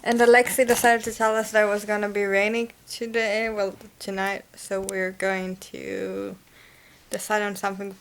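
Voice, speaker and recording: A woman's voice: medium pitch, flat delivery, normal speed, gravelly, fairly bright tone. A young woman vlogging casually at home, chatty and rambling, often correcting herself. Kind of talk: casual home vlog chat.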